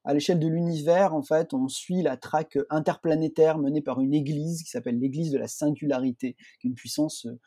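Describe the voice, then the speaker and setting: A man's voice: on the high side, fairly even intonation, a little fast, hardly any pauses, warm tone, slightly rough, no echo, studio quality. A man reviewing comics in casual radio chat, often stammering and restarting.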